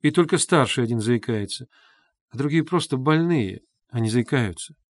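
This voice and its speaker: A man reading the part of a timid, poor young woman, speaking softly and pleadingly in an audiobook. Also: mid-range voice, lively intonation, normal speed, dry recording, studio quality. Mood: shy.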